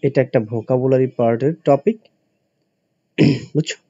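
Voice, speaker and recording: A man's voice: mid-range voice, fairly even intonation, unhurried, mellow, slightly rough, dry recording. A male teacher from Bangladesh giving an English spelling lesson. He explains step by step, spells out letters and keeps asking his students questions. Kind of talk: classroom-style lesson for admission students. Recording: dull, dry lo-fi recording.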